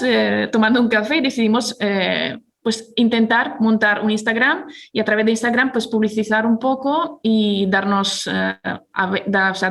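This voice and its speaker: A woman's voice: mid-range voice, creaky. A woman in her forties from Italy, a neighborhood activist speaking as a guest, with frequent fillers and restarts. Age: 40s. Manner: hesitant, many fillers and restarts. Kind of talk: casual interview talk.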